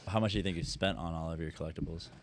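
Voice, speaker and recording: Very deep, quick-talking man. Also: fairly even intonation. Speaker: podcast co-host. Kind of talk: casual podcast banter.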